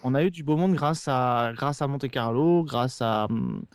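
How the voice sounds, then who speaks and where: Recorded on a podcast microphone during a remote internet call, a TV series podcast host talks casually and at length, hesitantly repeating words as he explains. He speaks a little slowly in a smooth, medium-pitched voice with big pitch swings, and there's no room sound.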